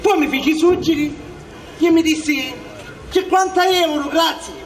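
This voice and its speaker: A man acting an excitable, scheming Sicilian village barber in a stage comedy, theatrical and exclamatory, in Sicilian dialect. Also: very high-pitched, a little slow. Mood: boastful. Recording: echoey theatre stage, distant mic, audience.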